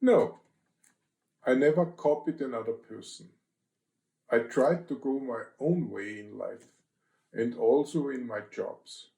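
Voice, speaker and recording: Older Austrian man, slow and gravelly. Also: medium pitch, dark tone, roomy sound, low-quality recording. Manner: terse, clipped list-like phrases. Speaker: guest. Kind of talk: interview answers.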